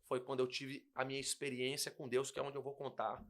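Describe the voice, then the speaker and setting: A man's voice: medium pitch, completely flat delivery, brisk. A young man, a pastor, telling a personal testimony in casual conversation, emotional and acting out the dialogue. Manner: emotional storytelling, acts out dialogue. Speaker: guest pastor.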